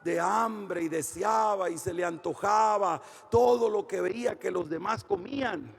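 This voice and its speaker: A man preaching a fervent sermon, swinging from shouted declarations to hushed storytelling. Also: sits high, measured pace, creaky, breathy edge, in a large hall. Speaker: pastor.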